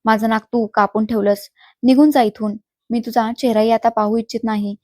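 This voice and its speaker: Woman doing a stern father, curt and commanding, flat dry read. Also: a little high, brisk, no echo, lightly acted. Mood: angry.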